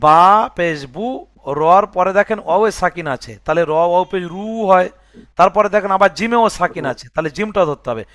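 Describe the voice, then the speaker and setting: A man's voice: high voice, fast talker, dry recording. A man teaching Quran reading, spelling out words letter by letter and checking that the student follows. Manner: breaks words into letters and vowel marks, checks "বুঝে আসছে?". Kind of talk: spelling-out recitation lesson.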